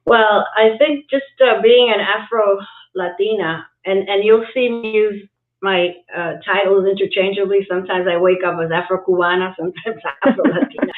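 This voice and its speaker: Speaking at a moderate pace with fairly even intonation and a medium pitch, a Cuban- and New York-raised woman guests as an executive coach on a livestream. She's thoughtful, with lots of fillers and restarts, and her video-call audio has an echoey, phone-like quality.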